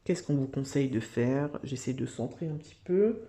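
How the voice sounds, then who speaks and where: Chatty woman with a dark voice. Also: rumbling low, lively intonation, normal speed. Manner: chatty, hesitant with many fillers. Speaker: tarot reader. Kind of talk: casual tarot reading monologue.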